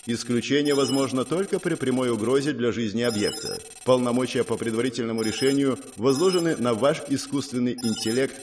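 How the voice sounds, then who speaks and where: A man reading out an impersonal game system message in a brisk, official manner. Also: medium pitch, background noise, natural voice. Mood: formal. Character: impersonal game system announcing a quest update.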